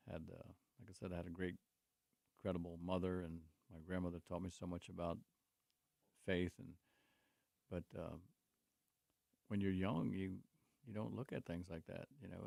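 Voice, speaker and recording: A man in his 60s with a low, gravelly, slightly mellow voice, recorded with no echo. He's a construction company owner appearing as a guest on a casual talk show, telling rambling stories about his life and faith with many restarts and speaking openly about his beliefs.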